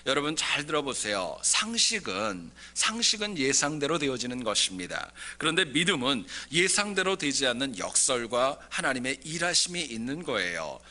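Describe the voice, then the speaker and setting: A man's voice: mid-range voice, big pitch swings, moderate pace, few pauses, sharp tone. A male pastor giving a Sunday sermon in a church, mixing folksy jokes with scripture. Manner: folksy jokes with dialect impressions before scripture. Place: church sanctuary.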